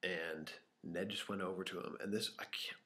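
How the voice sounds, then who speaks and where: Low-voiced and fairly even in intonation, the young man talks at a moderate pace with a sharp edge. He's a vlogger spinning loose, unscripted tales to his camera in a small empty room, using lots of fillers and now and then dropping to a whisper, captured by the camera microphone.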